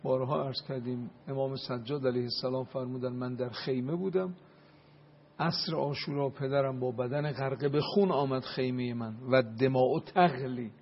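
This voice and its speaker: A man giving an impassioned religious talk and prayer, building up to loud emphasis at times. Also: mid-range voice, breathy edge. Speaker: religious speaker. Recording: dull lo-fi radio broadcast.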